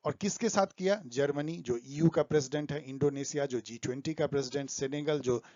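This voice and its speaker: A man's voice: on the high side, a little fast, mellow, no room sound, lo-fi sound. Man teaching current affairs. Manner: explanatory, mixing English terms into Hindi. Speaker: exam tutor. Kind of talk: current affairs lesson over slides.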